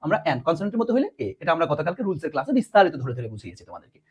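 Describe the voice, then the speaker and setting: A man's voice: on the high side, very fast, a little hiss or hum. A man teaching a live online class, repeating words and quizzing students. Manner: animated, repeats words, asks students questions.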